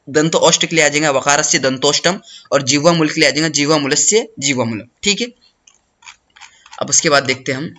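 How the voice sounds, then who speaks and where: A man teaching a study lesson, talking fast and repeating a check-in phrase after each point. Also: fairly high pitch, sharp tone. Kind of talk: study lesson explaining notes.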